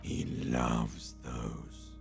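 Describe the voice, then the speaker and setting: A sardonic corpse from a video game, speaks in a rock-bottom bass thick with gravel. He drawls slowly and tauntingly, weary and breathy, like a dead man talking inside a detective's head. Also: completely flat delivery, soft background music, exaggerated voice. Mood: mocking. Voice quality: very gravelly, guttural rasp, often breathy. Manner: slow, drawn-out, taunting delivery.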